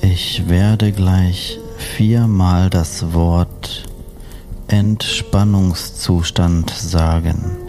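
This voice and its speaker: A man speaking as a sleep story narrator and meditation guide, soothing and hypnotic, with long unhurried pauses. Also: deep voice, steady tone, warm tone, soft background music. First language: German.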